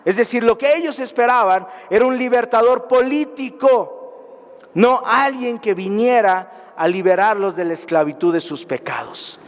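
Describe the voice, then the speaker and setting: Man, pastor, emphatic sermon, repeated questions, high voice, reverberant church hall. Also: unhurried.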